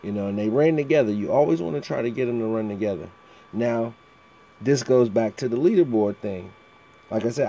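A man's voice: mid-range voice, dark tone, slight background noise. A man giving a casual walkthrough of a mobile game, with a fan running in the background. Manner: frequent throat clearing. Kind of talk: casual video walkthrough commentary.

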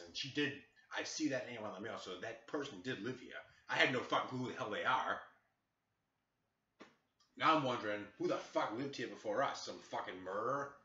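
A man's voice: fairly low pitch, pushed and bright. A man telling an angry story in a rant from his small apartment, swearing heavily in an exasperated tone, on an echoey, distant, dull-sounding recording. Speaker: vlogger.

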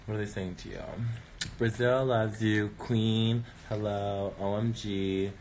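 A man's voice: on the low side, flat delivery, slow pace, darkish tone, a little hiss or hum. A young man, a sassy drag queen, bantering casually backstage. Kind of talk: casual chat. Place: backstage dressing room.

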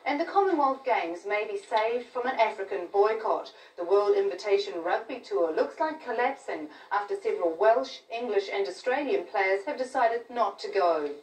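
A news presenter in her thirties with a New Zealand accent reads scripted television news in a slightly mellow, medium-pitched voice with lively intonation. She speaks at normal speed with hardly any pauses, and the TV broadcast from a newsroom studio is captured in a roomy, distant way.

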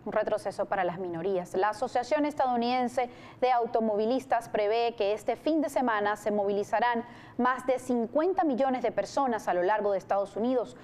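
A woman's voice: a little high, fairly quick, darkish tone. A woman presenting the news as anchor from a TV studio in a formal, scripted tone.

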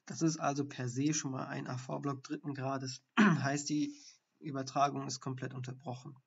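A man's voice: medium pitch, little pitch movement, moderate pace, creaky, husky. A man, a doctor, talks through ECG findings in a live-streamed lesson, explaining step by step and thinking aloud with fillers. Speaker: doctor teaching ECG reading. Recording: dull lo-fi stream audio.

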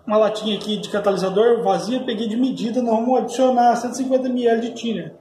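A man's voice: very high voice, fairly even intonation, quick pace, dark tone, reverberant, soft background music. A man with a Brazilian Portuguese accent, a custom painter, patiently explaining a paint job step by step in a casual way.

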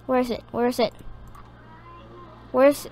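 A woman's voice: sits high, flat delivery, unhurried, darkish tone. A woman giving casual, rambling gameplay commentary, hesitating with many ums. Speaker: gaming video creator.

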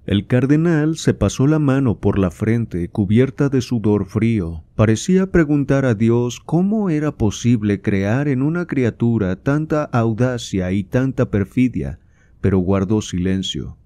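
A man reading a classic novel aloud in a calm, measured narration. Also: medium pitch, no room sound. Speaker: audiobook reader.

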